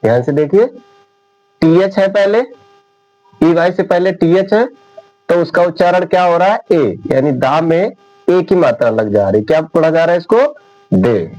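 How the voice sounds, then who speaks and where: A man teaching an English lesson, talking slowly and deliberately and repeating each point. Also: fairly high pitch, expressive, warm tone, low-quality recording. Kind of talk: classroom lecture.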